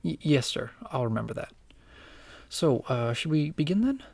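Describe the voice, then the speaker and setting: A man's voice: a little high, very animated, normal speed, creaky, darkish tone, breathy edge, exaggerated voice. A man playing a nervous, deferential young apprentice investigator in an audio drama, hesitant and apologetic.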